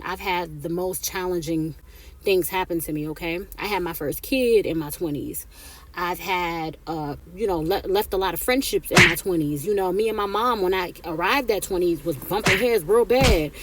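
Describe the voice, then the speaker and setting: A woman's voice: lowish voice, background noise. A woman in her thirties giving casual life advice to camera, chatty and repetitive, often tagging her points with "right?" or "okay?". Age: 30s. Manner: chatty, repeats herself, tags lines with "right?" and "okay?".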